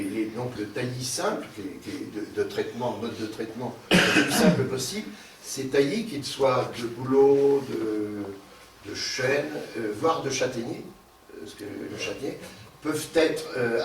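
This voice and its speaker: Halting male moderator in a roomy hall. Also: medium pitch. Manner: halting, many repeated words and fillers. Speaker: round table moderator. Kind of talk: summarizing a panel discussion. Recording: roomy hall, distant mic, some noise.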